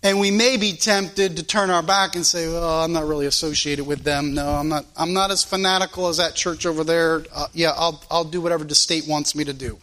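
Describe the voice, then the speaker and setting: A pastor's sermon in a church sanctuary comes through a rough live stream recording. His voice is on the high side, bright and forceful, with fairly even intonation, and he speaks briskly with few pauses, delivering it fervently and emphatically with many rhetorical questions.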